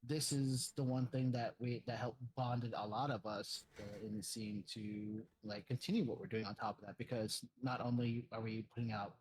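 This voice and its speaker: A man's voice: lowish voice, steady tone, moderate pace, few pauses, a little mellow, poor audio. A man, a DJ guest, talking in a rambling way with many fillers. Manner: rambling, filler-heavy, many "you know"s. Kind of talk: casual chat.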